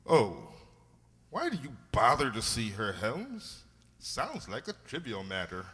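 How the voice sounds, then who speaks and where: A man playing a genteel, opinionated doctor and loyal companion, polite and expressive, in a radio drama. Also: mid-range voice, measured pace. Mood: protesting. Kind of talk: amateur radio drama acting. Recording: long hall-like reverb.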